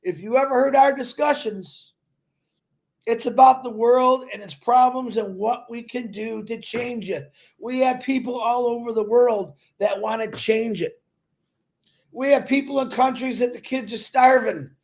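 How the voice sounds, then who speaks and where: A man giving a loud, emphatic motivational talk to company members, telling folksy stories and repeating himself. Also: very high-pitched, measured pace, gravelly. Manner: loud and emphatic, calls himself a big mouth; repetitive, folksy storytelling. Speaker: company promoter speaking to members.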